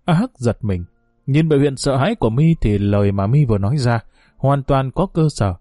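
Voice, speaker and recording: Man narrating an audiobook in a dark voice. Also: mid-range voice, lively intonation, a little fast, no room sound, studio quality, soft background music.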